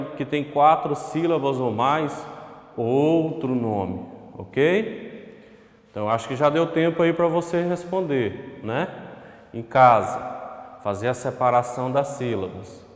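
A male primary school teacher with a Brazilian accent gives an online lesson at a whiteboard. He speaks patiently to the pupil at home, draws out words for dictation and checks in with "ok?". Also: mid-range voice. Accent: Brazilian Portuguese. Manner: addresses the pupil at home, asks "ok?". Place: classroom with a whiteboard. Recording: echoey room with long reverb.

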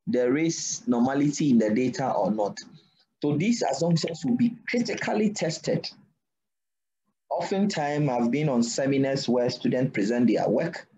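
A man lecturing a class at a deliberate pace, often pausing to ask "what?" so students can fill in the word. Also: medium pitch, mellow. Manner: asks students to finish his sentences with "what?"; slow deliberate delivery. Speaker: university lecturer. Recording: dull lo-fi recording.

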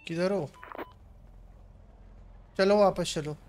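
A man streaming a role-play game session, chatting and arguing in character, cursing freely and breaking into excited shouts. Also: high-pitched, slow pace, faint music behind. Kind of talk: casual in-character game chat.

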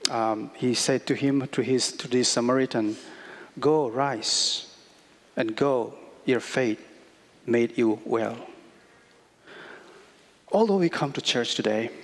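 A man in his thirties preaching a sermon in a church on a headset mic, earnest and slow, with many pauses and fillers and non-native English phrasing. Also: mid-range voice, a bit bright. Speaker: guest preacher. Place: church sanctuary, indoors. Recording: reverberant church hall.

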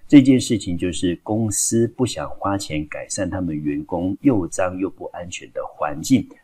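Low husky male English teacher. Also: moderate pace, mellow. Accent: Taiwanese Mandarin. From Taiwan. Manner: patient, starts phrases with a filler. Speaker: high school English teacher. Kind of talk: explaining a textbook lesson.

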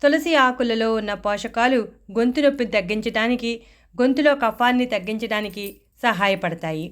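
A woman hosting a home-remedy recipe channel, giving a steady, instructive scripted voice-over. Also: a little high.

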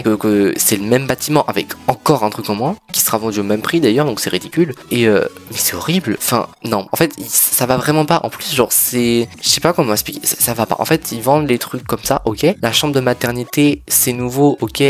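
A teenage boy from France giving casual vlog commentary on a toy catalogue, chatty and hesitant with many fillers, blunt in his opinions. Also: mid-range voice. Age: teens. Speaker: youth toy reviewer.

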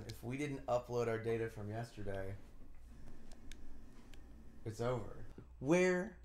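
A man chatting on a game stream, excitable, cursing and hyping things up like an announcer. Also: mid-range voice, slow, a little hiss or hum. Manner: excitable, swears, hypes like an announcer. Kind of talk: casual chat on a game stream.

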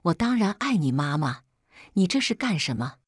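A hot-tempered middle-aged father barks and scolds, as a woman narrator puts him on. His voice sits low and swings widely as he shouts. The sound is dry and close, with no room around it. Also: sing-song, moderate pace, breathy edge, no room sound. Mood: angry scolding.

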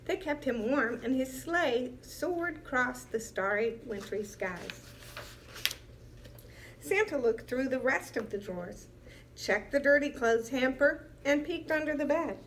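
A woman reading a children's picture book aloud in a lively, expressive way with playful emphasis. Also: high-pitched, a little slow, slight background noise. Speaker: storyteller.

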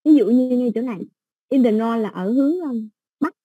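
A woman with a Southern Vietnamese accent, teaching an exam-prep English lesson in a patient, step-by-step way with soft fillers. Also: fairly high pitch, normal speed, husky, dry recording, phone-quality sound.

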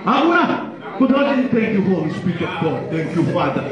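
A man, a pastor preaching a sermon loudly into a pulpit microphone and calling out to his congregation. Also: high voice, big pitch swings, fairly quick, heavy reverb, highs cut off, crowd noise. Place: large echoing church hall. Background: congregation answering aloud.

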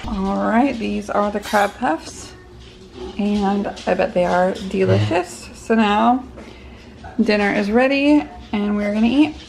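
Slow-talking woman vlogging at home. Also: mid-range voice, creaky, rough recording. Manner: relaxed, rambling with fillers. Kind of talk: casual vlog chat. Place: home kitchen and living room. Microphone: handheld camera at arm's length.

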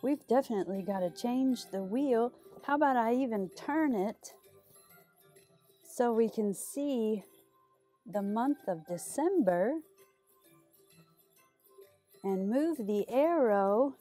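A woman's voice: fairly high pitch, lively intonation, takes it slowly, pauses often, warm tone, soft background music. A middle-aged woman hosting storytime for small children, with an exaggerated, sing-song delivery as she talks and reads aloud. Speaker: children's library storytime host. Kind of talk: children's storytime, talking to young viewers and reading aloud. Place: small decorated indoor storytime set.

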